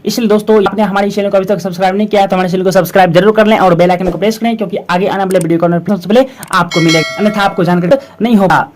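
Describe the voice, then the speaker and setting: A teacher giving a grammar lesson to schoolchildren, often calling them children and friends and repeating each definition twice in a slow, steady way. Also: medium pitch, noisy background. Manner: calls students 'children' and 'friends' often.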